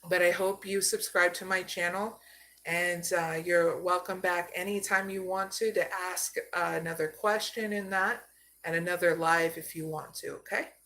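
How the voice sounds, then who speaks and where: A woman from Arizona giving a live card reading, slow and soothing, often checking in with "okay?". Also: on the low side, fairly even intonation, sharp tone. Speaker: psychic card reader.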